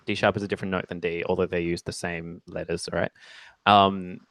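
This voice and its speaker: A man with a low, fairly flat voice, brisk and a bit bright with no echo, teaches music theory in a relaxed one-on-one lesson. He explains step by step, chatty and full of ums and okays, tossing in playful jokes and self-teasing asides.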